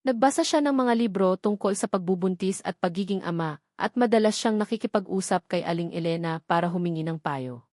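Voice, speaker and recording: Reading a scripted dramatic story as narrator, a Filipino-accented woman speaks a little fast in a lowish, darkish voice. The recording is clean studio audio without any room sound.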